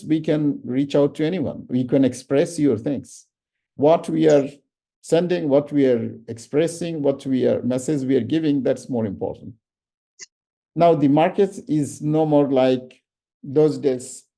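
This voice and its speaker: A man's voice: mid-range voice, gravelly, dark tone. A middle-aged man from Bangladesh with a Bangladeshi English accent, giving an online seminar talk and repeating words for emphasis. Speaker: summit speaker.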